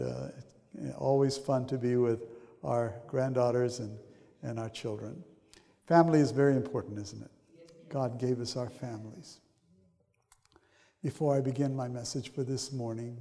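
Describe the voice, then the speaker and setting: An older man from Sri Lanka gives a church sermon, talking in a loose, rambling way full of fillers and restarts. His voice is mellow and dark, and it rings with long reverb through a large sanctuary. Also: medium pitch, steady tone, normal speed, gravelly. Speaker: pastor. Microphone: handheld mic.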